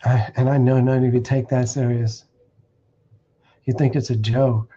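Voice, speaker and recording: A man's voice: medium pitch, level tone, measured pace, warm tone, breathy edge, lo-fi sound. A man preaching bluntly on a stream, warning listeners and reading verses aloud with restarts. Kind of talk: streamed scripture teaching. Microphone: streaming setup.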